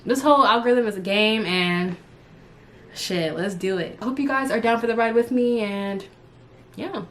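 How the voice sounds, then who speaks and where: A woman in her early twenties, a YouTuber and live streamer with a slightly high voice, chats unscripted to her followers at a moderate pace. She's candid and slangy, rambling as she goes, with a little hiss or hum in the audio.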